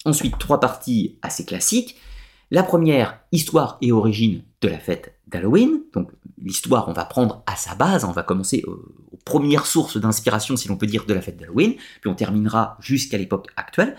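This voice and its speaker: A man's voice: fairly low pitch, very animated, normal speed. A man presenting a structured lecture, explaining step by step with frequent hesitations.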